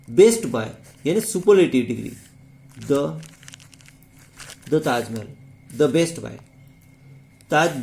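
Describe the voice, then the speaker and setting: A man's voice: on the high side, creaky, darkish tone. A man teaching English grammar in a video lesson, speaking with a Hindi accent and repeating key words as he asks rhetorical questions. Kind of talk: classroom-style video lesson.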